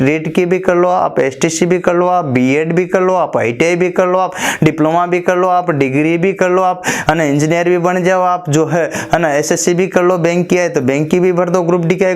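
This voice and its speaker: A man with a fairly high voice speaks informally, hammering home his advice through long repeated lists. He throws rhetorical questions at his listeners, answers them himself and keeps calling them his friends. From Rajasthan, India. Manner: repetitive, list-like, addresses listeners as friends. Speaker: community speaker giving career advice. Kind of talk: informal advice talk to camera.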